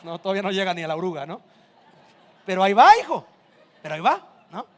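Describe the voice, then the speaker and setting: A man's voice: high voice, very animated, quick pace, in a large hall, slight background noise. A man, preaching a sermon in a casual, conversational way full of rhetorical questions. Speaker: pastor.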